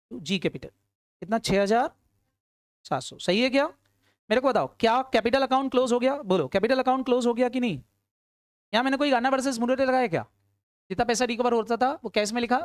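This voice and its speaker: Brisk woman teacher quizzing her class. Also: fairly high pitch, no echo, clean studio sound. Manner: quizzing students, answering her own questions; urging quick answers. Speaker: accounts teacher. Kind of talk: classroom lecture.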